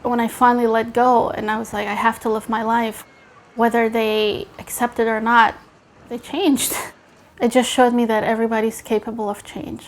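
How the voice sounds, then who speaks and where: A woman from Afghanistan tells her own story in a documentary interview. Her voice sits a little high and stays even and level. She speaks in a measured, earnest, reflective way. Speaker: interview subject.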